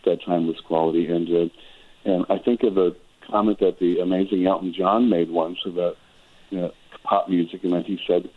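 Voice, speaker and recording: Deep-voiced older man on a tinny line. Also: steady tone, fairly quick. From Wisconsin. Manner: reflective, rambling with frequent restarts. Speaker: guest musician and choral director. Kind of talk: radio interview chat. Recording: tinny phone-like radio audio.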